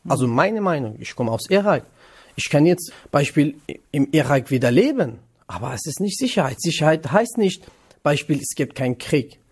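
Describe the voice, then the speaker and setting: A man's voice: fairly high pitch, very animated, normal speed, husky. Young man, hesitant German. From northern Iraq. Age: 20s. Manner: hesitant non-native German with many fillers. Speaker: interviewee, trainee cook. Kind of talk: radio interview.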